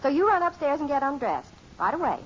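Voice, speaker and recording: An actress playing a brisk, practical, easily exasperated suburban mother in a 1950s radio sitcom. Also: sits high, sing-song. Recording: muffled, noisy old 1950s radio recording.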